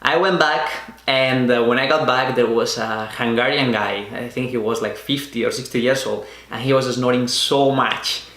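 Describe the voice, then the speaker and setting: A young vlogger from Spain, in his 20s, tells a personal story in Spanish-accented speech, earnest and unhurried with small restarts. His medium-pitched voice is steady and a bit bright, with a roomy sound.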